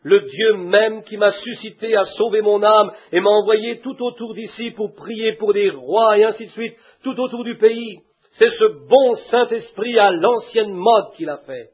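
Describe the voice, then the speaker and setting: A man's voice: sits high, measured pace, husky. A man preaching a sermon fervently, breaking into hallelujahs and imitating a duck and a hen. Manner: fervent, with shouted hallelujahs and imitated animal calls. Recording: tinny phone-like lo-fi recording.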